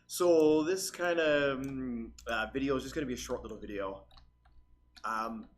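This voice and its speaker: A man talks through a screen-recorded coding tutorial, his voice worn from a cold. He rambles loosely, with ums and restarts, at a middling pitch. Faint noise and keyboard clicking sit behind him. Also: moderate pace. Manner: rambling, filler-heavy, restarts sentences. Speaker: channel host, tutorial maker.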